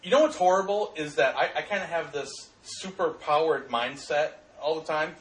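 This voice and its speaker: A man chatting casually with friends while watching a video, cracking loud, crude jokes and swearing. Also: on the high side, normal speed. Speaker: commentator. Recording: echoey room, far from mic.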